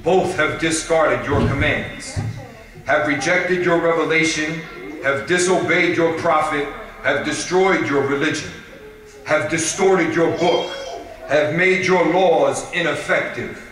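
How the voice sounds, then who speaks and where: A man giving a sermon at a religious gathering, reading aloud in a measured, steady way. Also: a little high. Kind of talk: sermon with read-aloud prayer. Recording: echoey hall, voice from far off.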